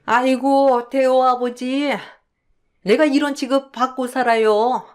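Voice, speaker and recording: A woman's voice: high voice, fairly even intonation, clean tone. Woman doing a wailing old mother-in-law. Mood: tearful lament. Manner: tearful, slow, lamenting. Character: elderly mother-in-law, self-pitying, wailing. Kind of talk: radio drama acting.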